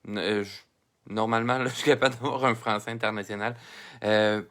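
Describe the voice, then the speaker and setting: A man's voice: fairly low pitch, fairly even intonation, fairly quick, fairly bright tone. Chatty Québécois man teaching drawing live. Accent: Québécois French. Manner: chatty, greets viewers, laughs often. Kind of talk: live-stream art lesson.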